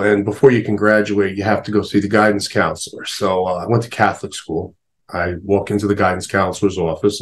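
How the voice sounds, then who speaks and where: A man in his sixties from the New York area, a podcast guest telling stories in a chatty way with lots of "you know". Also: lowish voice. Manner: chatty storyteller, frequent "you know" fillers. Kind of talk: casual interview storytelling.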